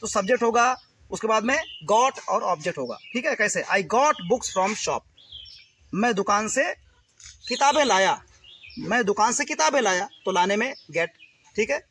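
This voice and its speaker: Guy teaching english, high voice, pumped up and repeats stuff a lot, bit of hiss behind. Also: normal speed. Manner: energetic, repetitive, coaxing. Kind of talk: spoken English lesson.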